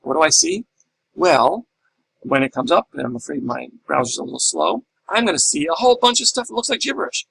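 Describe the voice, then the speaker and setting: A man's voice: fairly high pitch, very animated, fairly quick, vocal fry, a bit bright, slightly rough, rough recording. A middle-aged man teaching a class in a recorded lecture, explaining step by step and asking and answering his own questions. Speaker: instructor.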